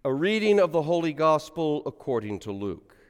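A man's voice: on the high side, normal speed, clear, resonant tone. Man preaching in a cathedral echo. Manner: lively sing-song delivery, rising on quotes. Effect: long cathedral echo. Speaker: priest. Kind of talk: gospel reading and homily. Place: large church. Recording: long church reverb.

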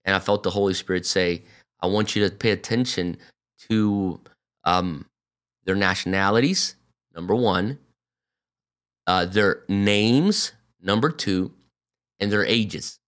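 A Brazilian pastor in his forties shares his personal story on a podcast, a reflective testimony delivered earnestly with many fillers and restarts. His fairly low voice has a fairly bright tone, and he takes it slowly, pausing often.

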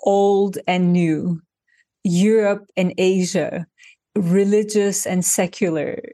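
A designer and author from Turkey, interviewed as a guest, reflects thoughtfully on her ideas, explaining them through examples and often restarting. Her fairly low voice is steady, slow and mellow, recorded in a clean studio with no echo.

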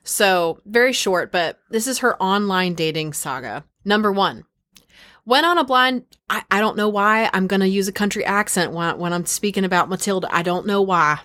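A woman's voice: medium pitch, moderate pace, fairly bright tone. A young woman hosting a podcast, chatting frankly, swearing casually and reading listener stories and ads aloud. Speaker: podcast host.

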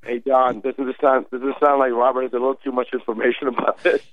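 A man who is a doctor guest on a radio show, speaking with a hoarse, croaky voice and a thoughtful, halting way of talking. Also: medium pitch, little pitch movement. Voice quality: croaky, gravelly voice. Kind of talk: casual radio chat. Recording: phone-line sound.

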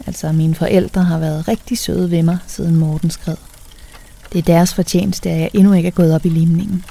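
A woman's voice: fairly low pitch, gravelly, dark tone. A young adult woman reading a first-person story aloud in a conversational way, lightly acting out the dialogue. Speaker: audiobook narrator.

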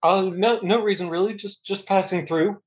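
A man's voice: high-pitched, steady tone, normal speed. Dull-sounding recording of a male game player. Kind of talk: casual banter in character.

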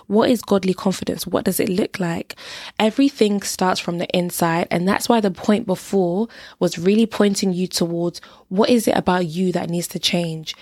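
Young woman, faith podcast host; earnest, affectionate encouragement, lower pitch. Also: a little mellow, dry recording, clean studio sound. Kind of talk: faith-based encouragement talk.

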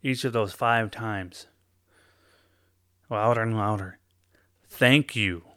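A man giving a slow guided self-help talk, coaching listeners step by step and often checking in with "okay?". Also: on the low side, steady tone, a bit bright, smooth, dry recording, clean studio sound.

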